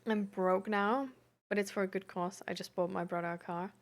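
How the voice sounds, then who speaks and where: A woman chats casually like a livestream host, reading and answering messages in a halting, giggly way with lots of "like" as filler. Her voice is medium-pitched with fairly even intonation.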